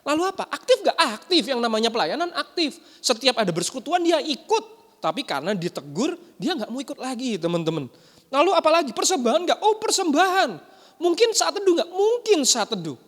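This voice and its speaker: A young man preaching a youth sermon, asking the listeners questions and telling stories in a lively way. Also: extremely high pitch, brisk. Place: church hall. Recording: hall reverb.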